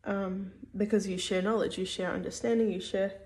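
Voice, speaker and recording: A woman's voice: mid-range voice, fairly even intonation, normal speed, a little mellow. A woman giving a casual spoken religious teaching, hesitant, with many fillers and restarts.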